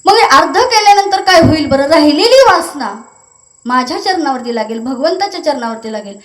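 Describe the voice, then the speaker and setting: A woman preacher giving a devotional kirtan sermon, telling a lively story and breaking into chanted verses. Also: sits high, a little fast, echoey room.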